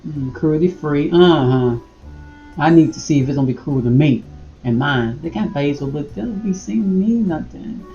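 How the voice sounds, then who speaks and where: A middle-aged woman talks straight to her viewers, reacting out loud in a casual vlog. Her pitch leaps and dips as she exclaims. The room is echoey, with faint music in the background. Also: lively intonation, moderate pace, muffled recording. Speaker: vlogger. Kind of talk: casual vlog commentary while browsing online.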